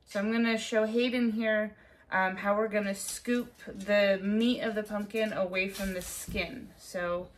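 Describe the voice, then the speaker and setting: In a home kitchen, a woman runs a relaxed cooking tutorial, chatting and giving step-by-step instructions to a helper in a mid-range voice with a steady tone and measured pace. Dishes, utensils and cutlery clink and clatter behind her.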